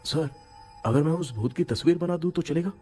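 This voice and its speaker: A young man in a Hindi dub, playing an excitable son who talks about a ghost and grows frantic. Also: fairly high pitch, brisk, natural voice. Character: anxious young man haunted at home. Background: music.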